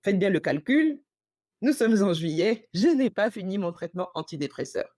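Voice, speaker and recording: Animated slangy woman telling a story. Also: mid-range voice, normal speed, no room sound, clean studio sound. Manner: animated, slangy, acts out quoted dialogue. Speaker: podcast host. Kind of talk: casual storytelling podcast.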